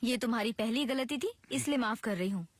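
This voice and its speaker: A woman's voice: fairly high pitch, brisk. A woman speaking dubbed film dialogue as a strict employer, stern and scolding. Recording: film soundtrack with music behind.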